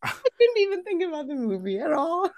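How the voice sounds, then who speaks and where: A young adult woman co-hosting a podcast, telling an animated, casual story with some swearing. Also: very high-pitched, a little fast. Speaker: podcast co-host. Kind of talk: casual chat.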